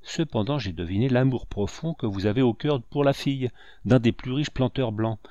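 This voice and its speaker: A man's voice: mid-range voice, normal speed, mellow, no room sound, highs cut off, lightly acted. A man voicing a devoted, remorseful male captain, speaking humbly and pleadingly. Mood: pleading, contrite.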